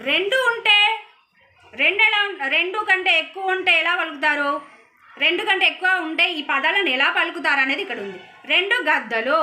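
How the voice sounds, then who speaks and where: A woman teacher giving a lesson to young children, reading words out slowly and clearly one by one. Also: extremely high pitch, pushed and bright. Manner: slow, clear word-by-word reading.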